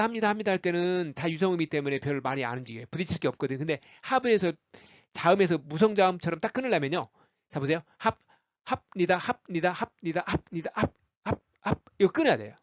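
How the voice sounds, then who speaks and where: A man teaching English pronunciation, slowly drilling word lists and coaching listeners to repeat after him. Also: high-pitched, sing-song, no room sound. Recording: dry, dull lo-fi sound.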